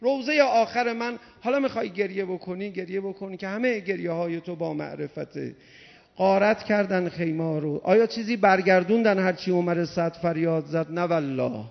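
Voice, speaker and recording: A man delivers an impassioned mourning sermon, swinging from hushed lines to loud cries. His voice sits high and has a gravelly edge. The recording is muffled and carries a long reverb from a large hall. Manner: impassioned, shifting from hushed to shouting. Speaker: preacher.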